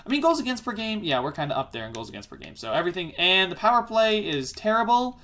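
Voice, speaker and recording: Fast-rambling man commentating his game. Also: high voice, big pitch swings, sharp tone. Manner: rambling, self-correcting, exasperated musing; fast-talking. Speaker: gaming YouTuber. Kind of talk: let's-play gameplay commentary.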